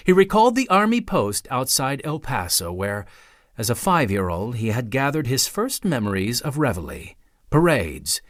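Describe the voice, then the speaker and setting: Lively male audiobook narrator. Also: mid-range voice, no echo, studio quality. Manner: measured storytelling, dramatic pauses. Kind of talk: scripted narration.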